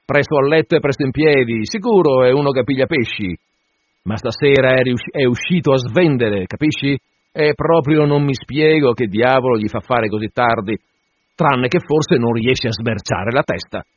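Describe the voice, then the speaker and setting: A man's voice: mid-range voice, normal speed, slightly rough, no echo, close to an everyday voice. A man voicing a teasing, mocking innkeeper who drawls with amusement, in a storybook reading. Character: teasing middle-aged male innkeeper, sly and mocking. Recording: dull lo-fi dry recording.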